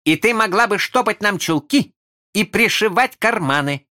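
A man reading a storybook aloud and voicing an eager, cunning young boy who never grows up, talking in an excited, coaxing way. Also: high-pitched, normal speed, pitched above the performer's own voice.

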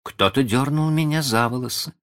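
A man's voice: mid-range voice, normal speed, a bit bright, voice pushed up, natural voice. A man reading a storybook aloud and voicing a kind, motherly young girl who gushes breathlessly and easily gets enchanted. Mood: gentle. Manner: breathless, gushing, prim.

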